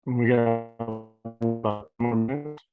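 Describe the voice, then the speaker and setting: A paranormal investigator on a call, speaking in halting, broken-off phrases while the audio comes through garbled and keeps cutting out. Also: medium pitch, fairly even intonation, over music. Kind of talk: casual walkthrough chat. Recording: lo-fi glitchy call line.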